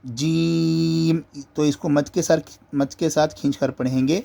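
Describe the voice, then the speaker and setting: A man teaching Quran reading, explaining letter pronunciation and drawing out each letter slowly to demonstrate. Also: on the high side, fairly even intonation, mellow. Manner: slow, drawn-out letter demonstrations between explanations.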